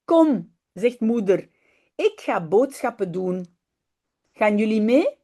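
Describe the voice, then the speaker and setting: Woman teacher, storybook reader, slow pace, very animated pitch. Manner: slow, very lively storybook reading with shifting character voices; quick, chatty explaining between readings. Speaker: Dutch teacher. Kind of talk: reading a children's story aloud, then explaining.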